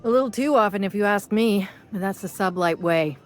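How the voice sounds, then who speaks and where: A woman's voice: mid-range voice, a little fast, slight background noise, natural voice. A woman playing a stern bar owner. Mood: dry. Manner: firm, commanding, dry. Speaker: game character.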